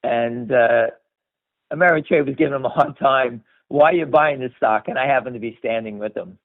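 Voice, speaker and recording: This stock market call host, a middle-aged or older man with a mid-range voice, talks at a normal speed. He riffs without a script, airing strong opinions in an emphatic, blunt way, swearing and repeating himself, over muffled, radio-like lo-fi audio.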